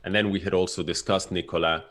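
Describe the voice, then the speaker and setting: A man with a very low voice gives an online chess lesson. He walks through the moves step by step and slips in dry, sarcastic humor. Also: steady tone, fast talker, a bit bright. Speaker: chess coach.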